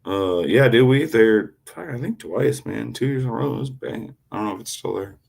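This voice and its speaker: A man chatting on a casual livestream, telling a rowdy story, cursing constantly, with loud animated outbursts when quoting himself. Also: medium pitch, fairly quick, vocal fry. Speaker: live streamer. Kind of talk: casual rambling livestream chat.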